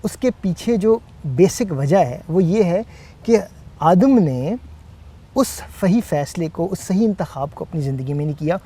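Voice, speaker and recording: Man teaching the Bible, mellow tone, slightly high voice, hesitant fillers. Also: expressive, slightly rough. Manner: measured, hesitant fillers, quotes scripture. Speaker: co-host.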